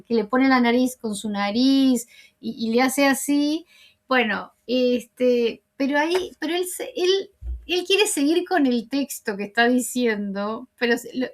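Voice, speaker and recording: A woman with a fairly high-pitched voice recaps TV scenes in a relaxed, chatty way. She often stops on small filler words while she gathers her thoughts. She sounds like a channel host talking straight to her viewers. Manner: chatty, retelling scenes with many "este" fillers. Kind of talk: casual spoken recap of TV scenes.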